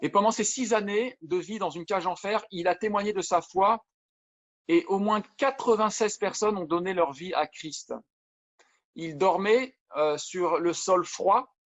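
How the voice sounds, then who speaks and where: High-voiced pastor preaching earnestly. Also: male voice, measured pace. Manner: earnest preaching with frequent restarts, reads scripture and testimony aloud. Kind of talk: video sermon.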